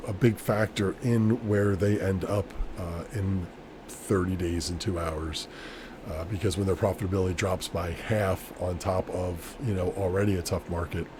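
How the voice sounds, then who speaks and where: A man chatting casually and off the cuff as a solo vlogger, rambling along in a matter-of-fact way. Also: deep voice. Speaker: vlogger, small-scale crypto miner. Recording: clear steady background noise.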